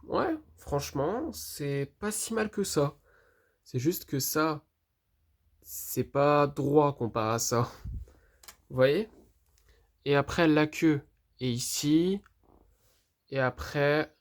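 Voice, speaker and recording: A vlogger unboxing a toy figure in a casual, hesitant way, thinking aloud, talking straight to viewers and filling pauses with hesitations. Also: medium pitch. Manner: hesitant, puzzled, fills pauses with "euh" and "du coup".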